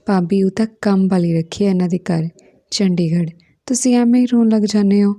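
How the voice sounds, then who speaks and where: A woman's voice: mid-range voice, steady tone, a little fast, warm tone, close to an everyday voice. Woman voicing a coaxing young brother-in-law. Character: young man, teasing, reassuring brother-in-law.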